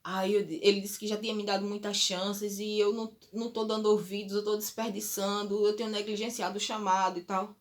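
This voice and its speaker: A woman's voice: mid-range voice, level tone, fairly quick, hardly any pauses. Woman, personal religious testimony, emotional, earnest, speaking to viewers. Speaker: churchgoer giving a testimony.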